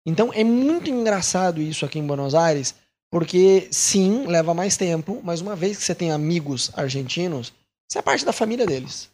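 Speaking at a normal pace in a high voice, a Brazilian man who is a missionary talks casually to the camera with a Brazilian Portuguese accent. He stays animated, repeating words to stress them.

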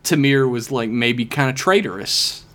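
A man's voice: medium pitch, expressive, moderate pace, sharp tone. A man co-hosting a casual fan podcast, talking in an informal, irreverent, sweary way. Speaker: podcast co-host. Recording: faint background noise.

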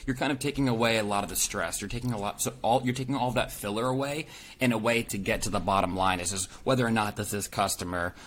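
A man's voice: on the low side, fast, a bit bright. Casting: male podcast co-host, earnest and rambling, a faint hiss behind him. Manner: earnest, rambling, restarts phrases. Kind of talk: casual podcast chat.

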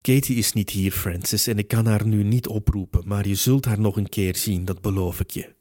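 A male narrator voicing a tearful, resigned young woman who is a spirit medium, in a soft, subdued delivery. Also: on the low side, moderate pace, dry recording, clean studio sound, close to an everyday voice. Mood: pleading.

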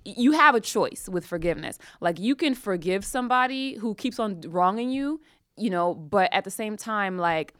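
A woman in a casual podcast discussion, halting and emphatic as she reasons aloud, repeating her words. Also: medium pitch, lively intonation, a bit bright, no room sound, studio quality. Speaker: podcast panelist.

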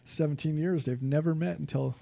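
Californian male co-host, casual stat-heavy chat, warm tone, dry mic. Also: a little high, brisk, vocal fry, no room sound. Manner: reads stats, relaxed and conversational. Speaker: sports podcast co-host.

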